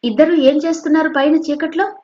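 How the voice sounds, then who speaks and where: A woman's voice: high-pitched, fairly quick, voice pushed up, close to an everyday voice. A woman voicing a worried, strict middle-aged mother who scolds her daughter sharply. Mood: scolding. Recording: dull lo-fi recording.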